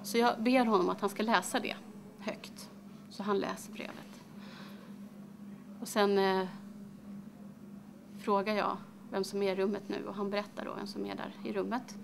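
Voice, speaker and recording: Actress as a halting, creaky-voiced grieving mother. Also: medium pitch, little pitch movement, background noise, lightly acted. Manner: halting, hesitant, many pauses and fillers. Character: grieving mother, middle-aged, recalling her daughter's death. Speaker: actress performing a monologue. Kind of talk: dramatic monologue.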